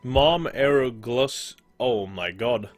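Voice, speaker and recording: A man's voice: medium pitch, very slow, soft background music. A young man giving casual, rambling let's play commentary and swearing freely. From Sweden. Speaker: gaming streamer. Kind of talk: let's play commentary, reading game text aloud.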